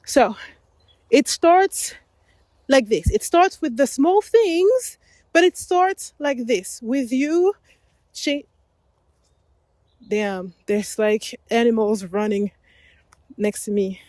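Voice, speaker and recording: Her voice a little high, expressive, and darkish, a native French speaker talks slowly and pauses often as she hosts an unedited solo podcast on an outdoor forest path. She rambles, corrects herself, and laughs frequently, and the recording is dry.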